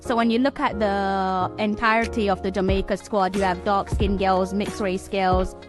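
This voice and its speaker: A woman's voice: mid-range voice, flat delivery, moderate pace. Earnest woman talking over music. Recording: music playing behind the voice.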